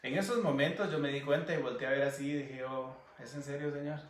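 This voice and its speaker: A man from Guatemala with a Guatemalan Spanish accent, giving an earnest personal testimony as an interview guest, sometimes pausing to search for words. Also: mid-range voice, echoey room, far from the mic. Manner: earnest, searching for words, animated when recounting.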